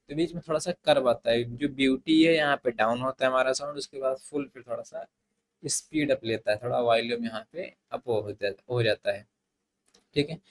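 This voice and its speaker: A man's voice: medium pitch, poor audio. A man teaching an English grammar lesson, mixing Hindi and English in a hesitant style with many fillers and restarts. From India.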